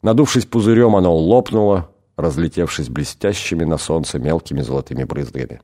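A man narrating an audiobook in a measured, dramatic reading. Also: a bass voice, dark tone. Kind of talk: scripted narration.

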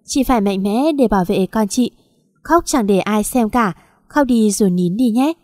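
A woman voicing a young male doctor who speaks calmly and reassuringly to a patient. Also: medium pitch, moderate pace, no echo, studio quality, natural voice. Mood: gentle. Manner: calm, reassuring.

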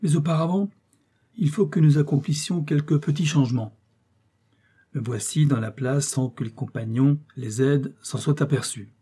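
A shrewd, self-assured detective gives quick orders in a dark, slightly husky voice, as a male reader puts him on. He sounds commanding and brisk, a little raised above the narration. It is an audiobook-style storybook reading. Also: a little high. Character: shrewd confident male police detective in disguise.

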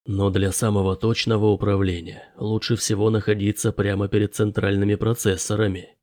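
A man's voice: on the low side, flat delivery, brisk, darkish tone, dry recording, clean studio sound, pitched below the performer's own voice, natural voice. A man voicing an elderly, timid male professor in an audiobook, murmuring and hesitant. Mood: worried. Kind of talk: audiobook character voice.

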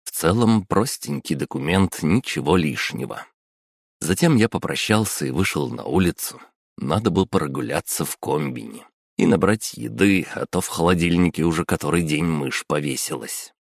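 A man with a deep, gravelly voice narrates an audiobook with expressive storytelling. His pitch swings widely, and the recording is dry and close. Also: moderate pace, dry recording. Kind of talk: scripted narration.

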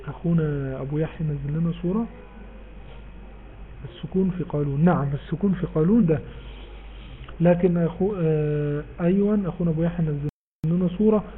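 An Egyptian man teaches recitation rules to an online class, posing questions and answering them himself. His voice is high and he speaks quickly. It comes through a narrow, phone-like line with a faint hiss behind it. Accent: Egyptian Arabic. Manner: explains patiently, asks and answers his own questions. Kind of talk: live online class with students. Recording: tinny phone-like line with faint background noise.

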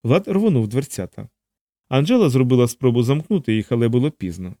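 Male audiobook narrator, mellow dark voice, dry close recording, steady read. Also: medium pitch, brisk, no room sound. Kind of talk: scripted narration.

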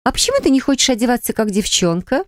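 A woman's voice: a little high, sing-song, fast talker, no echo, clean studio sound, voice pushed up. A woman voicing a spoilt, indignant young woman in acted audiobook dialogue. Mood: pouty. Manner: indignant, pouty. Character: spoilt, haughty blonde young woman cabin-mate.

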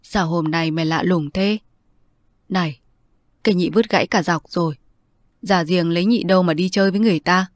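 A woman's voice: on the low side, steady tone, fairly quick, pauses often, no echo, studio quality, close to an everyday voice. A woman voicing an anxious, tearful aunt who pleads with her nephew in a storybook reading. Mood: pleading.

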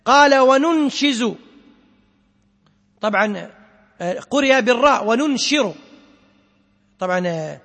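A man with a strikingly high voice gives a classroom lecture as a sheikh. He stops to quiz his students and draws out quoted verses slowly. His voice trails off in a long reverb, as if he is speaking in a large hall or mosque. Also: lively intonation, a bit bright. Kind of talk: classroom lecture explaining a poem on Quran sciences.

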